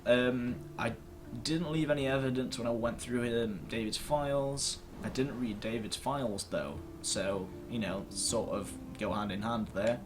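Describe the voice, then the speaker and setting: This gaming host speaks unhurriedly, with fairly even intonation in a mid-range voice, as music plays in the background. Sitting indoors at his computer, he rambles casually to camera, mocking himself and swearing a little.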